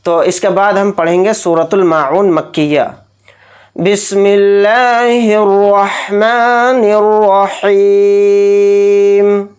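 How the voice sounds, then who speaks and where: A man teaching Quran recitation with tajweed, patiently explaining each rule step by step. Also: sits high. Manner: patient, explains rules step by step, then chants verses slowly. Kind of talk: tajweed lesson with slow drawn-out recitation.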